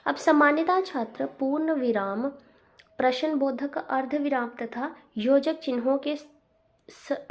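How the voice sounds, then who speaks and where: A woman teaching a Hindi writing lesson, explaining each point with repeated examples and asides. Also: high-pitched. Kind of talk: classroom lesson.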